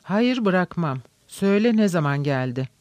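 A man voicing an agitated, demanding young gentleman who presses insistently and sharply. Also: high-pitched, big pitch swings, normal speed, dry recording. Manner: insistent, sharp, shouting at times.

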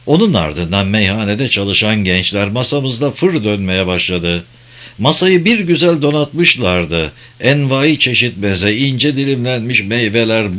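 A man reading a story aloud in a measured, literary storytelling manner. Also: mid-range voice, a bit bright. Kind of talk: scripted narration of a story.

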